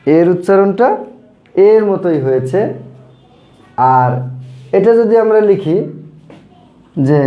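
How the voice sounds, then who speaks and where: A man teaching a slow grammar lesson, patiently repeating each point and asking questions he then answers himself. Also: a little high. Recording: roomy, dull lo-fi classroom recording.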